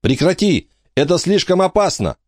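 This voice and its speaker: A man's voice: medium pitch, very animated, moderate pace, mellow, no echo, clean studio sound, voice pushed up, natural voice. A male narrator voicing a determined, protective teenage girl who speaks in urgent, pleading outbursts.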